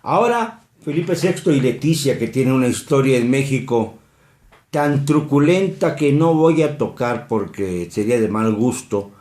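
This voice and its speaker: A Mexican man giving an emphatic, indignant commentary monologue, jumping sharply in pitch on key phrases. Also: animated, unhurried, a little mellow. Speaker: political commentator. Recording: roomy echo.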